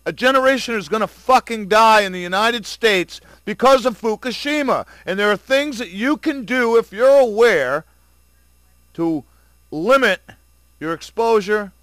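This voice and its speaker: A male video blogger delivers an angry, profane rant of commentary, sarcastic toward his audience, lurching from low muttering to loud outbursts. The recording has no room sound.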